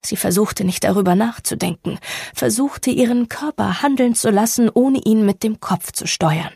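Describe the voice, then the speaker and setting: A woman narrating a novel as an audiobook in a slow, measured storytelling manner. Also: mid-range voice, creaky, dark tone, breathy edge, no echo, clean studio sound. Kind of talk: scripted narration.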